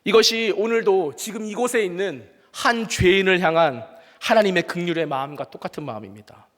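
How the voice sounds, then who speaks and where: A man preaching a sermon as a pastor, telling stories earnestly, sometimes exclaiming loudly and sometimes quietly confessing. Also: sits high, brisk. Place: church sanctuary. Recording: long reverb of a church hall.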